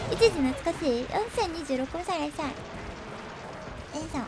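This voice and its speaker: A woman live-streaming a game, chatting casually, greeting and thanking viewers and grunting as she plays, with loud game music behind her. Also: very high voice, big pitch swings, a little slow, a crowd in the background. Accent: Japanese.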